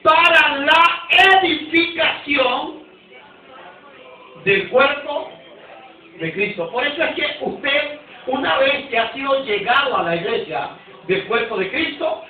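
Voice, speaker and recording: A Nicaraguan pastor teaches in a very high, emphatic voice, restarting phrases and urging the congregation to repeat after him. He sounds far from the mic in a big echoing church hall. The recording is thin and phone-like. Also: lively intonation, normal speed. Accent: Nicaraguan Spanish. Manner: emphatic, calls for congregation responses. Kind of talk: Sunday school teaching sermon.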